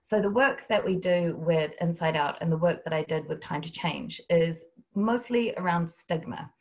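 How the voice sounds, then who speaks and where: A woman's voice: on the low side, moderate pace, darkish tone. A woman with a New Zealand accent giving a humorous talk over a video call, telling stories about workplace stigma. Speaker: guest speaker. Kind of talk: webinar talk.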